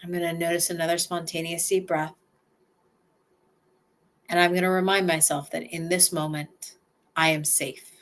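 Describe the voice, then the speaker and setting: Gently and in the first person, a woman takes listeners through a slow relaxation exercise, stopping for breaths and sighs. Her voice is fairly low and her delivery flat.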